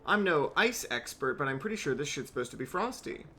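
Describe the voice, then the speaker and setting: A man's voice: fairly high pitch, very animated, fairly quick, sharp tone, faint music behind. A young man streaming a game, rambling wryly with swearing asides as he plays. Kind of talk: casual gameplay commentary.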